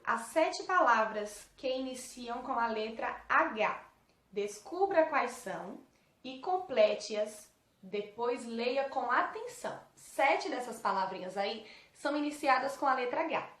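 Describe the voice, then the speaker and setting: Brazilian Portuguese woman teacher taking young pupils through exercises, patient and questioning, a little high, recorded in a roomy space. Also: a bit bright. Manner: patient, asks pupils questions and answers them. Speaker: primary school teacher. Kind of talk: correcting homework for young pupils. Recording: echoey room.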